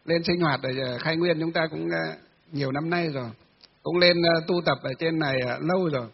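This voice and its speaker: High-voiced husky monk giving a sermon. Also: male voice. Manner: chatty, asks the audience questions and answers them himself; many filler sounds, halting delivery. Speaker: Buddhist monk teacher. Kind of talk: dharma talk. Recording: dull distant reverberant hall recording.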